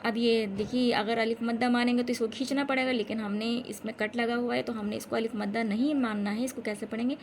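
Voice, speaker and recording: High-voiced woman teaching Quran reading. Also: steady tone, a little hiss or hum. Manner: explains quickly, then recites each word slowly and drawn out. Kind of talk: recorded lesson, explaining and reciting slowly.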